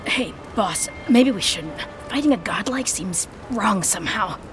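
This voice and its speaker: A woman's voice: mid-range voice, expressive, a little slow, music in the background, lightly acted. An actress playing a hesitant female gang henchman in a video game.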